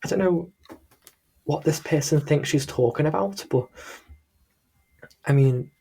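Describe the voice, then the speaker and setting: A man's voice: a little high, measured pace, creaky, dark tone, slightly rough. A man with a Liverpool Scouse accent giving casual, rambling, disapproving commentary in a hesitant way. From Liverpool, England. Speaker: reaction video host.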